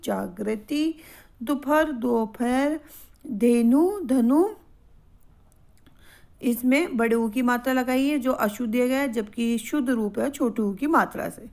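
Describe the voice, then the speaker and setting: A woman teaching a grammar lesson, reading words out slowly and saying each one twice. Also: fairly high pitch. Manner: slow, careful, repeats each word twice.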